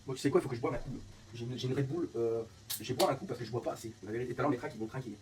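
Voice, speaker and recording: Fuming fast-talking man. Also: mid-range voice, recorded from a distance, noisy background. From northern France. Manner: fuming, swearing constantly, rapid and animated. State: sick with a fever, voice affected. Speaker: streamer and league organizer. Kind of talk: angry live-stream rant. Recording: faint room ambience, off-mic.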